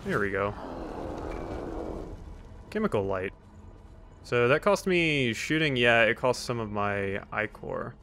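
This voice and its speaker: A man with a mid-range voice and lively intonation hosts a let's play, offering casual, wry commentary, teasing the characters and reading the on-screen game text aloud. He talks slowly and pauses often. Video game sounds play faintly in the background.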